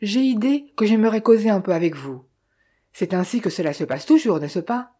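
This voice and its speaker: A woman's voice: mid-range voice, animated, normal speed, warm tone, lightly acted. Woman voicing a stern ironic lady of the house. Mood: dry. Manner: dry, commanding.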